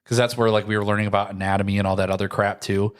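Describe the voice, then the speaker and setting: Rapid-fire and lowish in pitch, with little movement in his intonation, a man in his early thirties from America co-hosts a podcast. He rambles casually and leans heavily on filler words, especially "like."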